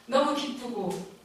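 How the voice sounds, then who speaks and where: A middle-aged woman recounts her conversion as a guest speaker at a church lecture. Her voice sits a little high, and she tells the story with animated, emotional energy, laughing often. The mic is some way off in a very echoey lecture room. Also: distant mic. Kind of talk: personal faith testimony talk.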